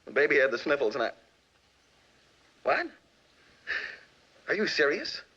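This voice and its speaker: An actor playing an easygoing, joking American scientist in a 1950s film. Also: male voice, fairly high pitch, very animated, unhurried, sharp tone, slightly rough, full character voice. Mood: surprised. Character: easygoing American radio scientist, adult man. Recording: dull 1950s film soundtrack.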